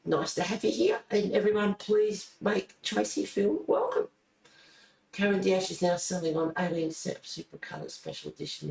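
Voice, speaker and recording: A livestream host with an Australian accent chats casually, rambling and getting sidetracked easily. He has a high voice with vocal fry. The room gives an echoey sound, and there's faint noise.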